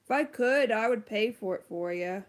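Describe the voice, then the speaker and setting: A woman's voice: a little high, expressive, moderate pace. A woman beauty vlogger chatting casually on a livestream, answering viewer comments with lots of ums and likes.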